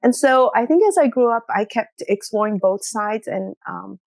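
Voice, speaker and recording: Reflective woman with a gravelly edge. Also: medium pitch, moderate pace, no room sound. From Singapore. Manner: reflective, frequent "you know" and "right?". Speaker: doctor, podcast guest. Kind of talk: conversational interview.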